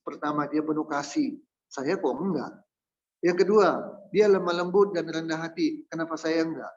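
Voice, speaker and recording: Male pastor, somewhat high voice, joking sermon delivery, dull lo-fi recording. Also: moderate pace. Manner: humorous, lively, acts out quoted voices.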